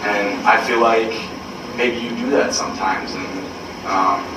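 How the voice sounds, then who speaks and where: A young man speaking candidly to his team in a halting, earnest, blunt way with swearing, caught on a secret recording. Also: lowish voice, steady tone. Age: young adult. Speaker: college basketball player. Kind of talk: candid speech at a team meeting. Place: indoor room, captured from far off. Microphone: hidden recorder, far from the speaker. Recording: secret recording, distant, echoey, noisy, muffled room sound.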